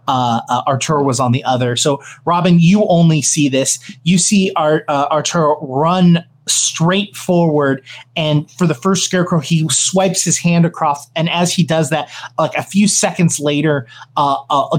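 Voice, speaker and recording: A man narrating a tabletop game as game master, improvising hesitantly and thinking aloud. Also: a little high.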